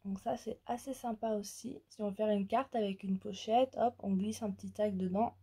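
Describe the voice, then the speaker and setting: A woman chatting casually as she shows off her crafting haul, pausing often and searching for words. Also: mid-range voice, fairly even intonation, dark tone, slightly rough. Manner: slow, hesitant, many fillers. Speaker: crafting vlogger. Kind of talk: casual haul show-and-tell.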